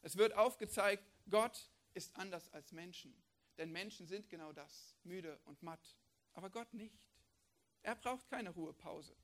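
A male preacher delivering a sermon with strong conviction. He fires off rhetorical questions, then drops to a quiet, intense tone before rising again. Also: high voice, unhurried. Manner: emphatic, fires off rhetorical questions, swings between loud and hushed.

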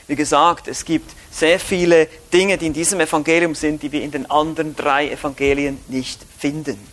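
A man preaching a Bible teaching with a Swiss German accent, speaking emphatically with rising stresses and low drops. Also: fairly even intonation, normal speed, a bit bright. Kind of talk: sermon-style Bible teaching.

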